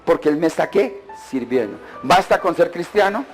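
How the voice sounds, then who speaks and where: A man's voice: a little high, animated, normal speed, faint music behind. A male pastor delivering a sermon, throwing questions at the congregation and mocking churchgoers in put-on voices.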